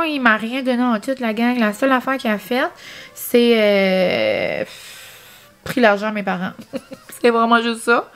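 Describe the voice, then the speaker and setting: A young woman with an Acadian French accent, chatting casually in a vlog and rambling with lots of fillers. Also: on the high side. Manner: chatty, rambling, many fillers and "genre, comme". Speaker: vlogger.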